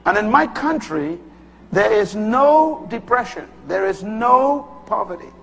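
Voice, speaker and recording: A man from the Bahamas with a Bahamian accent, preaching a sermon with emphatic bursts that rise high and drop low. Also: expressive, a little slow, creaky, bright, forceful tone, breathy edge. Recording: long hall reverb.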